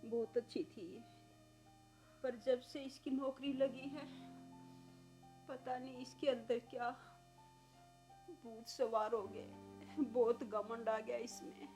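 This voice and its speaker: Woman doing a tired old mother-in-law, slow and pleading, bit high voice, music underneath. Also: little pitch movement, warm tone. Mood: weary. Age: older. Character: frail elderly mother-in-law, weary and resigned.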